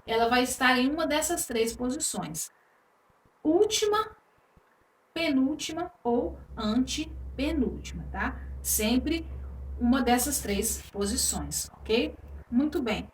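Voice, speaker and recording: A woman's voice: sits high, lively intonation, takes it slowly. A woman teaching a grammar lesson online, explaining patiently and checking in with "ok?" after each point. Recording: echoey room, voice a bit far from mic, faint noise.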